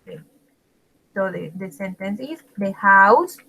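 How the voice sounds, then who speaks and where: Slow, patient woman teaching English. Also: medium pitch, expressive, fairly bright tone, highs cut off, slight background noise. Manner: slow, patient, repeats and translates each answer. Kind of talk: bilingual grammar lesson.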